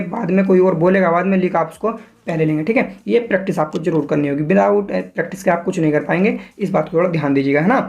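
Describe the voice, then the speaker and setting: A man teaching shorthand, explaining step by step, checking in with listeners often and sounding out words slowly as he demonstrates. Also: high voice, a little mellow. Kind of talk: spoken lesson.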